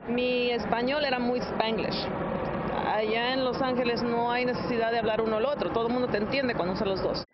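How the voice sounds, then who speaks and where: A woman's voice: fairly high pitch, fairly even intonation, brisk, highs cut off, heavy background noise. Candid Mexican-born woman interviewed outdoors. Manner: candid, reflective, laughs easily. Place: outdoors by trees and a beach.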